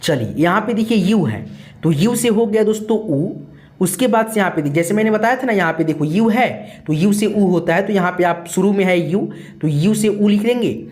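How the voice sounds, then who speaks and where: A man's voice: sits high, expressive, moderate pace, a little mellow. Patient man teaching a video lesson. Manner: repetitive, patient, talks to viewers as friends. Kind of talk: online lesson explaining letters and spelling.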